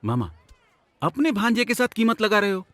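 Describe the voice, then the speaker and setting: A man's voice: high voice, very animated, normal speed, a bit bright, dry recording. A man dubbing a boastful, broke uncle who wheedles a favor, in comic film style. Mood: coaxing.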